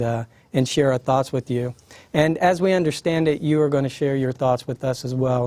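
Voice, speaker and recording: Man in his fifties, panel moderator, mellow dark tone, dry close sound, easygoing. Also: medium pitch, dry recording. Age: 50s. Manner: relaxed, conversational with frequent fillers. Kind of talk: panel discussion.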